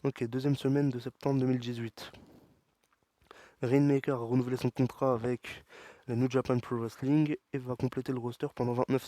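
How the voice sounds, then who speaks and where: A man commentating his wrestling video game, excitable and talking back to the characters on screen. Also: mid-range voice, dry recording. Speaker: gaming YouTuber. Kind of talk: let's play commentary.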